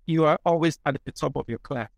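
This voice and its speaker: A man, a podcast guest who speaks in a halting, thoughtful way with many restarts. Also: on the high side, vocal fry, dry recording, low-quality recording. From Nigeria. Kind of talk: casual interview.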